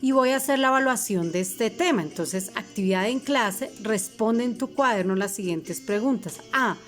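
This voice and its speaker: A woman's voice: on the high side, normal speed, faint music behind. Patient woman teaching children. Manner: patient, reminding, spells things out for children. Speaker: fifth-grade Spanish teacher. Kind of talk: recorded video lesson.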